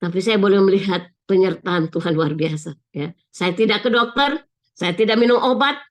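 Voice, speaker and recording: A woman's voice: mid-range voice, moderate pace. An older woman giving a sermon with a personal testimony over a video call, earnestly and often turning to her listeners. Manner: keeps addressing listeners as brothers and sisters, earnest. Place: online video meeting.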